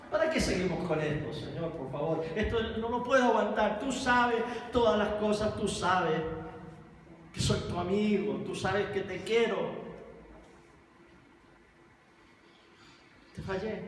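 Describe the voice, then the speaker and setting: A man voicing a remorseful grown apostle who pleads softly through tears, in a low voice. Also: moderate pace, lightly acted. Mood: pleading, tearful. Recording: echoey hall, distant mic, faint noise.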